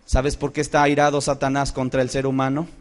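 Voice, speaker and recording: A man preaching a Bible-study sermon. He is impassioned, swings from soft to loud, and asks rhetorical questions. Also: medium pitch, monotone, brisk.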